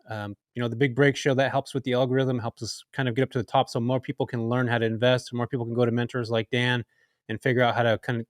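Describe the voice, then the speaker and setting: A man's voice: mid-range voice, no room sound, studio quality. A man hosting a podcast, laid-back and friendly, closing out the episode in casual talk. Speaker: podcast host.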